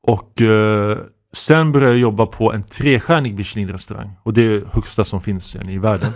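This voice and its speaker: A man in his fifties, a guest imam, telling lively stories with laughter and Arabic phrases sprinkled in. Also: fairly low pitch. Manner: animated anecdotes with laughter, Arabic phrases mixed in. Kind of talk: podcast interview storytelling.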